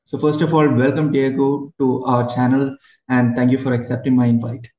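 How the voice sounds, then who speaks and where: A man's voice: medium pitch, flat delivery, moderate pace, dark tone, lo-fi sound. A man hosting a podcast, asking friendly, slightly hesitant questions with fillers. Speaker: podcast host. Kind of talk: casual interview hosting. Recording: roomy echo with faint music.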